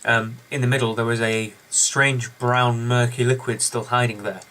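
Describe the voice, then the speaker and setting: Guy doing a beer review, bright forward voice, rambly with lots of ums. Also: mid-range voice, little pitch movement, moderate pace. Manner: chatty storyteller with many ums and uhs. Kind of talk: casual beer review to camera.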